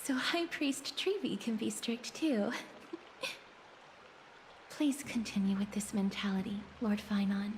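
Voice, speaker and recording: An actress voicing a gentle, polite young woman in a video game, reassuring and soft-spoken. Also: mid-range voice, steady tone, a little slow, pauses often, a little hiss or hum, close to an everyday voice.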